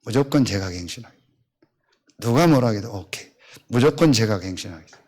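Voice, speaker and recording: A man's voice: on the low side, a little fast. A pastor in his fifties telling a personal story in a sermon, acting out the back-and-forth of conversations in a blunt, colloquial way. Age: 50s. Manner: animated storytelling, acting out both sides of conversations.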